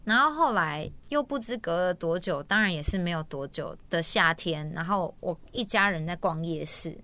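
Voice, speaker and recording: A young woman, hosting and telling a story in a lively, animated way, acting out the voices of people she quotes. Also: on the low side, normal speed. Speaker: host. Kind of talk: casual storytelling chat.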